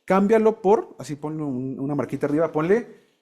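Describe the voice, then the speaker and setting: Guy teaching bible class, fairly high voice, slow careful explaining, quizzes the room. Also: animated, warm tone.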